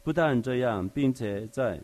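A Bible teacher gives a conversational sermon, going verse by verse with everyday examples and frequently posing rhetorical questions to his listeners. His voice is medium in pitch, a little slow, and darkish in tone.

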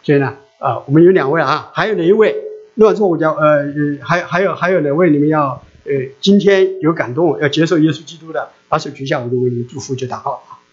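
A man's voice: fairly high pitch, fast. A middle-aged man preaching a sermon, earnestly repeating his appeal to the listeners and then leading a prayer. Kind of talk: sermon with altar call and prayer. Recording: dull lo-fi recording.

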